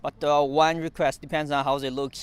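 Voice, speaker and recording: A Mandarin-speaking man from China is a guest in a casual interview, using halting English with a Chinese accent, many fillers and restarts, and an occasional chuckle. His voice is a little high and clean, with little pitch movement.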